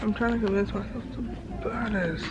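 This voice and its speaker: A woman's voice: medium pitch, normal speed, noisy background. A young woman in her twenties chatting to a handheld camera as she browses a large store, talking to herself about what to buy. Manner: chatty, talks to herself while shopping. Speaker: vlogger. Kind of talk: casual vlog narration. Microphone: handheld camera at arm's length. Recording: music playing in the background.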